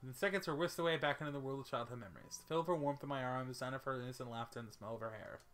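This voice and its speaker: A man reading a visual novel aloud for a let's play, quiet and even. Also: mid-range voice, rapid-fire.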